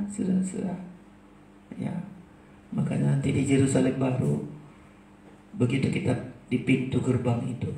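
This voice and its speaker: An older male pastor preaching with fervour, his voice dark and gravelly. He often climbs into loud, pleading prayer. Heard from a distance in a roomy church hall with faint background hiss. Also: a little high. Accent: Indonesian, Medan. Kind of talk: sermon. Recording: echoey church room from far off, faint background noise.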